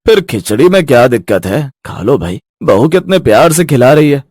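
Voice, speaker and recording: Man as firm cartoon father-in-law, husky lively voice, dry sound. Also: medium pitch, moderate pace, no room sound. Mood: coaxing. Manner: firm, scolding his wife. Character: stern kindly older father-in-law. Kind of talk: animated storybook voice acting.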